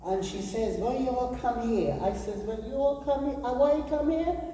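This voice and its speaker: An older woman from Barbados with a Barbadian accent, telling her story to an audience in a blunt, forceful way. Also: fairly high pitch, normal speed, slight background noise. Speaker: audience member sharing a story. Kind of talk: spoken recollection. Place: large echoey church hall. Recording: distant voice in echoey hall.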